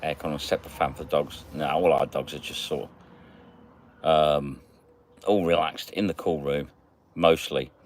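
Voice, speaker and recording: A man's voice: extremely low pitch, steady tone, normal speed, long pauses, a little hiss or hum. A man hosting a casual livestream, chatting and greeting viewers by name as he reads their comments. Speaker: magnet fishing livestream host.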